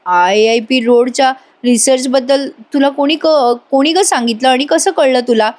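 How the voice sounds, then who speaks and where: A woman's voice: sits high, normal speed, a little mellow, lightly acted. A woman voicing an earnest young younger sister. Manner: earnest, defensive.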